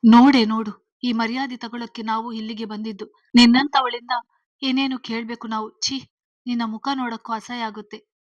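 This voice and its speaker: A woman's voice: fairly high pitch, little pitch movement, moderate pace, dry recording, far from the mic, lightly acted. A woman voicing an angry middle-aged father who scolds his daughter in a furious, disgusted way.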